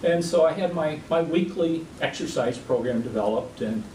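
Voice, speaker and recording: A man's voice: a little high, animated, normal speed, darkish tone. A man giving an informal podium speech to an audience, with self-deprecating humour. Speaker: club member giving a prepared speech. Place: meeting room at a podium. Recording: echoey room, distant mic, clear background noise.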